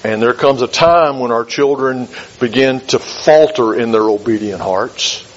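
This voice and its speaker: A man preaching a sermon in a measured, emphatic way, repeating key phrases for weight. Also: medium pitch. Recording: dull lo-fi recording.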